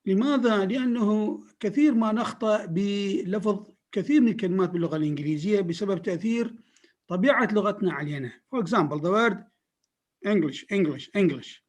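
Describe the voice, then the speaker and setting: A man whose first language is Arabic, giving an online phonetics lecture in English and Arabic, slow and repetitive as he drills words and definitions. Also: high voice.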